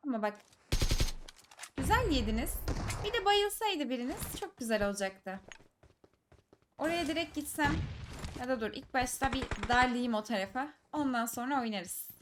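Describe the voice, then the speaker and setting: A woman giving live commentary over her own mobile shooter match, teasing enemy players and breaking into excited shouts. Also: high voice, moderate pace, pauses often, noisy background. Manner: teasing, talks to enemies, bursts of excited shouts. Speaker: gaming streamer. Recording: loud gunfire game audio behind. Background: game gunfire and clicks.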